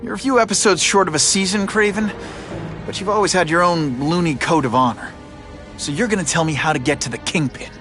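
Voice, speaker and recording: An actor playing a young, earnest superhero in a video game, quippy and sarcastic but morally firm. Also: male voice, fairly high pitch, fairly quick, music in the background, lightly acted. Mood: wry, confident. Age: young adult. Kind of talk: animated video game hero acting.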